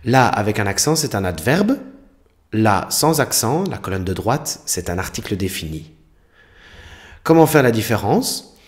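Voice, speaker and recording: A man's voice: lowish voice, sing-song, a little slow. A man teaching a French spelling lesson, explaining examples carefully and spelling out letters.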